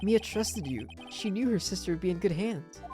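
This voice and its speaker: A woman's voice: medium pitch, lively intonation, normal speed, over music, pitched above the performer's own voice, lightly acted. A woman voicing an earnest young male defense attorney who pleads and gets exasperated.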